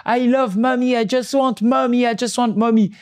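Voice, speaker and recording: A man voicing his three-year-old son in a tantrum, with high, whiny cries. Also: fairly even intonation, normal speed, darkish tone. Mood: whining.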